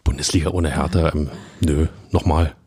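A man's voice: very deep voice, fairly even intonation, normal speed, a little mellow, slightly rough, dry recording, clean studio sound. A man chatting casually about football as a pundit on a podcast, emphatic and colloquial, speaking straight to his listeners. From Berlin.

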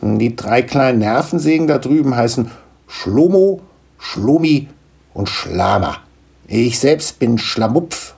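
A man voicing a small, bearded male dust gnome in a storybook reading, fussy and excitable with a gravelly, husky voice. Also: mid-range voice, slow pace, voice pushed up, exaggerated voice. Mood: gruff friendly. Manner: fussy, excitable, tearful complaining.

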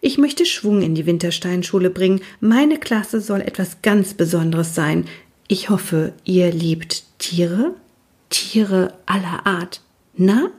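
Eccentric, playful storybook teacher, breathy and hushed in places, read by a woman. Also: fairly low pitch, takes it slowly, heavily acted. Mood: cheerful. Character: quirky cheerful adult woman teacher from Scotland.

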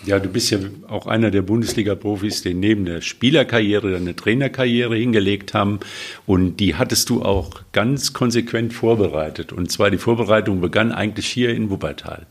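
A man, a former sports journalist, hosts a relaxed podcast interview. His voice is low and slightly husky, and he chimes in with short agreeing remarks. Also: fairly quick. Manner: chatty, adds short interjections. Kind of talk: casual interview.

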